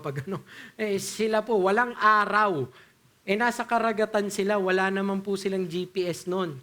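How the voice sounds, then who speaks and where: Young Filipino preacher, high voice, chatty sermon delivery with English scripture readings. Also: male voice, a bit bright. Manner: switches between Tagalog and English, reads scripture aloud slowly; conversational, addresses congregation with po, rhetorical questions.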